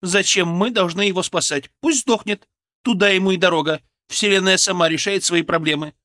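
A man's voice: sits high, brisk, pushed and bright, dry recording, studio quality, pitched above the performer's own voice. A man voicing a contemptuous woman doctor who speaks with scorn. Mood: scornful. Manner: sneering, scornful. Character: contemptuous female doctor, cold and venomous.

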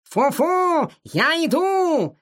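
An eager young cat sleuth, as the storyteller puts him on, always rushing after the culprit. His calls come a little higher than the narration and slow and stretched when he shouts. A lively storybook voice. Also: heavily acted. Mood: urgent. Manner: raised, urgent calls. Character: cat detective, eager and excitable. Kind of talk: children's audiobook character voice.

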